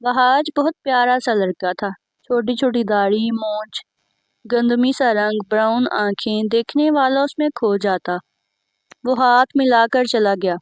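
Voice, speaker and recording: A woman narrating a scripted family story in a steady, plain way. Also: fairly high pitch, a little slow, dry recording.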